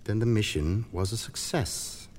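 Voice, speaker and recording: An actor playing a grave middle-aged man who leads and consoles, measured and commanding. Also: fairly low pitch, a little mellow, slight background noise, natural voice. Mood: stern.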